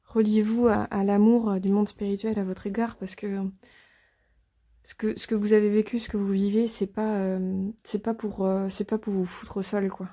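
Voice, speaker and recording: A woman giving a casual tarot reading to her viewers, speaking softly and hesitantly with many fillers and restarts. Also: medium pitch, level tone, normal speed. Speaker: tarot reader.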